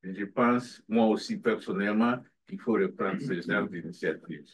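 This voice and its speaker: A man, asking a panel a long question in an earnest, halting way. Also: on the low side. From Democratic Republic of the Congo. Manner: halting, restarts often, earnest. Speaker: audience member asking a question. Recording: from far off in a room.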